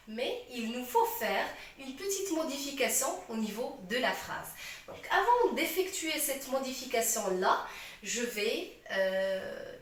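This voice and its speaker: A woman teaching a French grammar lesson, explaining slowly, repeating herself and often checking that the class follows. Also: on the high side, fairly bright tone. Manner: slow, repetitive explaining, checks understanding often. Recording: echoey, distant, faint noise.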